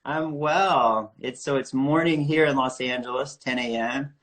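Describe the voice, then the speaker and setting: A man's voice: medium pitch, measured pace, a bit bright. Chatty man hosting an art interview. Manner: friendly, chatty, asks questions. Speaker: host of an online art interview series. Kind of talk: casual interview over video call.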